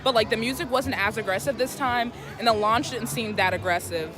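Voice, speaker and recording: A woman's voice: fairly high pitch, fairly quick. A young woman vlogger chatting casually, joking and exaggerating everything dramatically. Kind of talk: casual vlog chat. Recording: loud park music and crowd behind.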